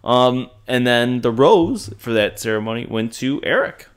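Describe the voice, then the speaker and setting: Brief: male co-host, casual banter, jokey, quick laughs, mid-range pitch. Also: expressive, clear, resonant tone. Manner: joking, laughs often. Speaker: podcast co-host. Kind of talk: casual chat.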